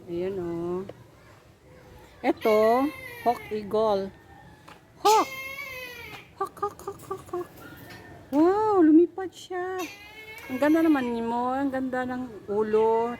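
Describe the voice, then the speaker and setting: A woman's voice: medium pitch, a little mellow, a little hiss or hum. A woman vlogging as a tour guide, chatting casually and greeting the animals as she walks around an outdoor resort. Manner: chatty, talks to the animals, mixes in English. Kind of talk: casual walking vlog.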